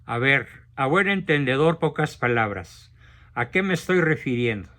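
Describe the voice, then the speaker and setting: A man's voice: medium pitch, expressive, moderate pace, fairly bright tone. A man with a Mexican accent hosting a session, telling a fable in a frank, direct manner. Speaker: host of a talk session. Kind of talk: storytelling talk.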